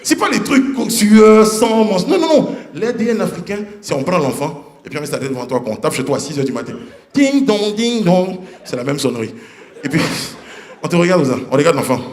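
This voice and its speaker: A man performing a stand-up comedy set on stage, animated and acting out characters with sudden high voices. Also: a little fast. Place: comedy stage before a live audience. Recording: roomy live stage sound with audience.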